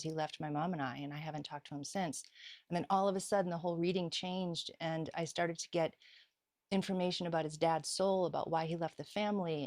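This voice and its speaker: A woman's voice: on the low side, no echo, studio quality. A middle-aged woman, a healer and psychic medium, telling a story in a casual interview, laughing often and acting out the dialogue. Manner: animated, laughs often, acts out quoted dialogue.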